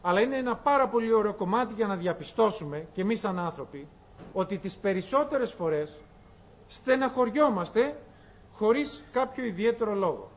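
A man's voice: sits high, animated, slight background noise. A man teaching a Bible lesson, preaching emphatically with rhetorical questions and dramatized scripture, on a dull lo-fi recording.

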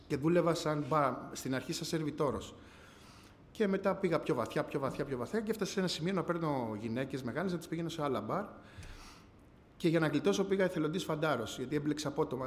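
A man giving a personal testimony to a church gathering, telling his story earnestly, often rising and falling in pitch and loudness. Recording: long hall reverb, faint background noise.

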